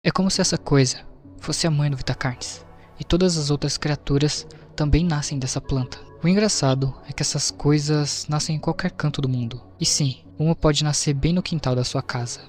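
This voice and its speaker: A man with a Brazilian accent narrates a scripted explainer video, telling it informally like a story with casual asides. His voice sits on the high side with a darkish tone at a normal speed. Background music plays behind him.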